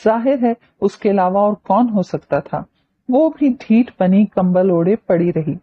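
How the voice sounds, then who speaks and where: Female audiobook narrator, expressive storytelling, lively pitch, lo-fi recording. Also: measured pace. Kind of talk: novel narration.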